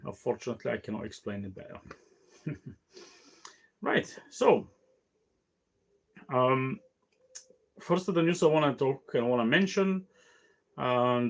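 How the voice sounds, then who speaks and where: Halting, tired man hosting a cigar show. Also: medium pitch, vocal fry. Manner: halting, many fillers and restarts. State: tired, yawning. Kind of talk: casual solo talk show.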